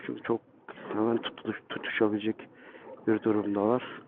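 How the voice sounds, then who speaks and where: A man's voice: on the low side, level tone, fairly quick, creaky, phone-quality sound, a little hiss or hum. A man narrating a casual outdoor motovlog as a guide, speaking from inside a motorcycle helmet. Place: outdoors on forest roads.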